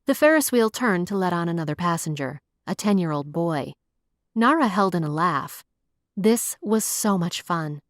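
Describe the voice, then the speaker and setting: A woman narrating a romance audiobook in an even, measured storytelling voice. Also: lowish voice, no echo, studio quality.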